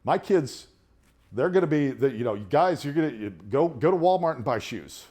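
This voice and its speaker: A middle-aged man teaching a money class in a casual, rambling way, with frequent restarts, getting more animated during personal stories. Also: moderate pace. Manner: grows more animated and higher when telling personal stories. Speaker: budgeting class instructor. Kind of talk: classroom lecture.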